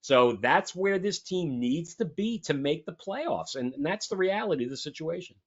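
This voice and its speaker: A man's voice: fairly high pitch, animated, normal speed. A man co-hosting a sports talk show, chatting casually and emphatically with lots of restarts. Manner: rambling, emphatic, frequent restarts. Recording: dull lo-fi audio.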